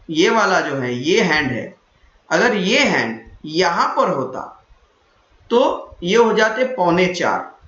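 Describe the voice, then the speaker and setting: A man with a high voice teaches a math lesson, patiently going over each point again and stopping to quiz his students. The sound is roomy and echoey, and the recording is dull and lo-fi. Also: sharp tone. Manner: patient, repeats points and quizzes the listener. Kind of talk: explaining a classroom lesson.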